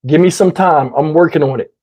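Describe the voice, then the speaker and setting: With a slightly high, darkish voice and a fairly quick pace, this Southern US host of a YouTube commentary channel rambles through casual livestream talk to his viewers. He keeps it conversational, asking "you know what I'm saying," even as his voice gets tired and his throat dry and parched.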